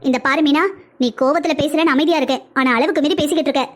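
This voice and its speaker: A woman voicing a fast, reproachful cartoon mother. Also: high-pitched, fairly even intonation, lightly acted. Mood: indignant. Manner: reproachful, emotional. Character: middle-aged mother, proud mother-in-law. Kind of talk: cartoon family drama acting.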